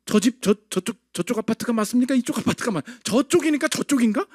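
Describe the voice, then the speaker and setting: A man's voice: very high-pitched, expressive, fast talker, a little mellow, dry recording, studio quality. A male pastor preaching an emphatic sermon, acting out God's words and his listeners' complaints.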